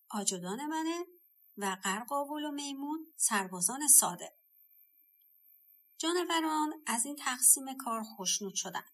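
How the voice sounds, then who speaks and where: A woman narrating a folk tale audiobook in a measured, gentle way. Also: fairly high pitch. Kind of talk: storybook narration.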